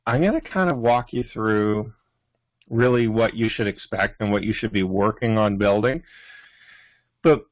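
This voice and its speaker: Low-voiced Canadian man on a lo-fi call. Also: no echo. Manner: rambling, many fillers and restarts. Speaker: host of a business training call. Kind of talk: casual motivational talk.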